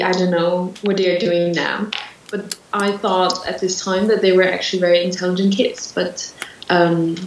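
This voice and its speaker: A woman from Switzerland, a dancer, answering interview questions reflectively, pausing often with fillers and restarts. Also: mid-range voice. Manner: hesitant, many fillers and restarts. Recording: roomy, distant from the mic.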